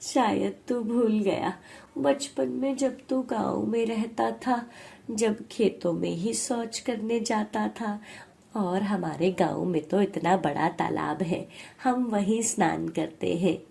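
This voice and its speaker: A slow, emphatic old village headman with a low, gravelly voice, put on by a woman narrator. He speaks deliberately to his son in a dark, mellow tone. Stern and set in his ways. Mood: fatherly.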